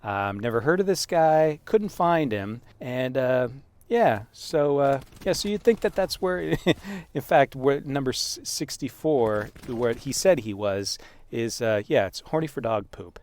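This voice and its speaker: A man casually telling a story as gaming commentary, reading out messages in an amused, halting way. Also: mid-range voice, lively intonation, a little mellow. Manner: amused, chuckling, halting with frequent asides. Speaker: gaming video creator.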